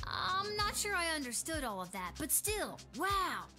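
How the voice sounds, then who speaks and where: Eager kid guard, a woman acting, high bright lively voice, earnest. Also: measured pace, soft background music, heavily acted. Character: eager twelve-year-old guardsman kid.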